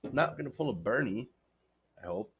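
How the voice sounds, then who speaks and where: Fairly quick and animated, a man with a medium-pitched, slightly hoarse voice gives emphatic, opinionated commentary straight to the audience as host of a progressive political news show. The sound is lo-fi with a little hiss or hum.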